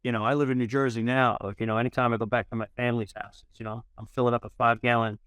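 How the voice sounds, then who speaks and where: A man from New York City hosts a relaxed interview, chatting freely and dropping "you know" all the time. His voice is mid-pitched and smooth, recorded dry. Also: racing, dry recording. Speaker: interview host. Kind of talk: casual interview chat.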